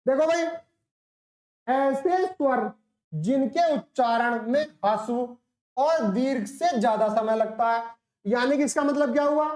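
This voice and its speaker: A woman's voice: high voice, measured pace, darkish tone, roomy sound. A woman teacher giving a lecture, explaining step by step, asking questions and answering them herself, and drawing out sounds to demonstrate them. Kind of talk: classroom lecture.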